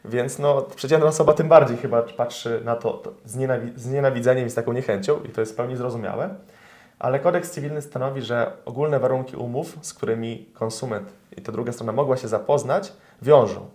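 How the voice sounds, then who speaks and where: Young lawyer, interview guest, explanatory delivery with fillers, addresses viewers. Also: male voice, mid-range voice, a little fast, a little mellow. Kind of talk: interview answers, explaining law.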